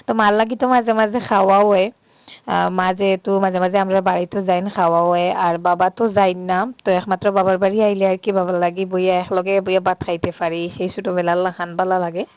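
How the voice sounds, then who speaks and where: A woman's voice: on the low side, little pitch movement, smooth, no echo. Middle-aged woman vlogger, Sylheti accent, chatty and easygoing, dry close sound. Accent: Sylheti Bengali. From Sylhet, Bangladesh. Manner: chatty, unhurried, frequent "ah" fillers. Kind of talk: casual vlog narration.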